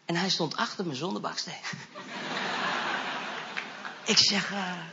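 A man preaching, telling a story from his travels with eager, animated energy and English phrases mixed in. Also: sits high, takes it slowly, creaky, highs cut off, noisy background. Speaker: evangelist preacher. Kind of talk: sermon testimony storytelling.

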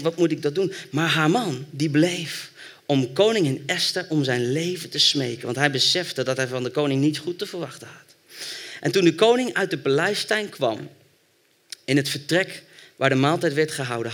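A man delivering a sermon, his voice pitched high and bright. He tells the story with lively energy and then urges the listeners on with growing fervor. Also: moderate pace. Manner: storytelling, rising to fervent exhortation. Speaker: preacher.

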